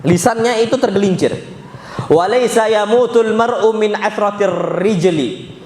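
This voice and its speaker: A man with an Indonesian accent preaching a mosque study sermon, animated and questioning the crowd, dropping Arabic phrases. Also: high-pitched, measured pace, slight background noise. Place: large mosque hall. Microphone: handheld or stand mic in a hall. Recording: echoey mosque hall with faint ambience.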